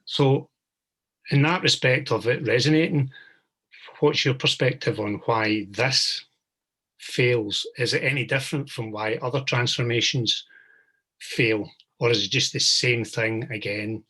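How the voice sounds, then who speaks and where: A man's voice: mid-range voice, a little slow, bright, forceful tone, husky. A man from Glasgow, an attendee asking a long, polite, thoughtful question at an online meetup. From Glasgow, Scotland. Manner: polite and thoughtful, building up his question at length.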